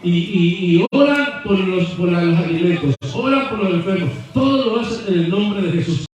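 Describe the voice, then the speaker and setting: A man's voice: high-pitched, lively intonation, moderate pace, a little mellow. A man preaching a sermon as pastor, telling stories with humorous asides and building to fervent passages. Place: church sanctuary. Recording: very echoey church from far off.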